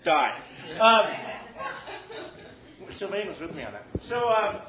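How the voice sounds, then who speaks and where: High-voiced man telling a profane comic tale. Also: sing-song, slow pace, roomy sound, noisy background. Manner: profane, self-mocking, often laughing while talking. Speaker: storyteller. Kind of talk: telling a comic story to a live audience.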